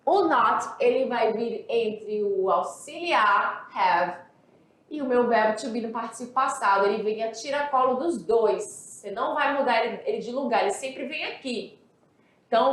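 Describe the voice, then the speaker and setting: A woman from Brazil teaching an English grammar lesson, reading example sentences slowly and explaining in quick asides. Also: fairly high pitch, a bit bright, echoey room.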